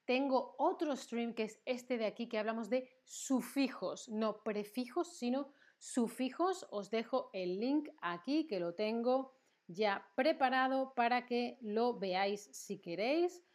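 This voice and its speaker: A woman's voice: a little high, expressive, slow, darkish tone. A woman teaching grammar in a livestream lesson, patient and repeating words to drill them. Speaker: Spanish teacher.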